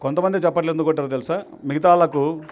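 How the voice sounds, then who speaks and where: A man's voice: fairly high pitch, fairly even intonation, rapid-fire, a little mellow, slight background noise. A man, a meditation teacher, giving a motivational speech to students, exhorting them and rallying the crowd, with English words mixed in. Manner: exhorting, rallies the crowd to applaud. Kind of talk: motivational speech to a live audience.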